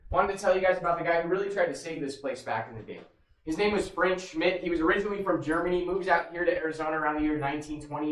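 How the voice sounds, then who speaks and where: A man working as a cave tour guide, talking casually and jokingly to a group in an echoing cave. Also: fairly high pitch. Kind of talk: informal guided tour talk. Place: inside a large cave.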